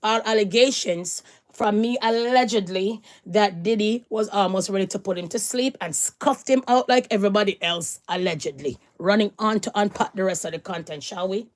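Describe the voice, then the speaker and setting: Woman, live stream host, casual rambling news chat, mid-pitched voice. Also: moderate pace. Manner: chatty, rambling, repeats allegedly.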